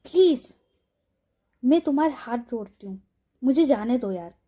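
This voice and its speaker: A woman voicing a frightened young woman who pleads anxiously, in a high, mellow voice. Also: lively intonation, normal speed. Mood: pleading.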